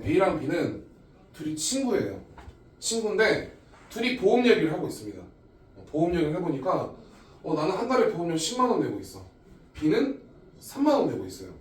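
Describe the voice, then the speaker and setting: A man in his thirties, an insurance agent giving a step-by-step explanatory lecture, often starting with "자". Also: on the high side. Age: 30s. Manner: lively, explains step by step with frequent "자". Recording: echoey room, voice a bit far from the mic.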